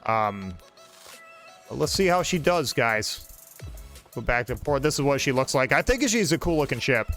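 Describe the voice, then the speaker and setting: Faint music sits behind a man in his forties who hosts a gaming channel, speaking in a mid-range, fairly bright voice with lively intonation at a moderate pace. Over a desk mic he rambles about his own gameplay and jokes around with a friend.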